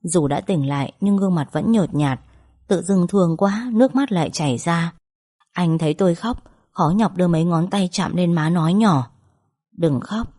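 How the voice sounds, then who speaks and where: A woman narrating a first-person story in a calm, emotional storytelling manner. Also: on the low side, normal speed.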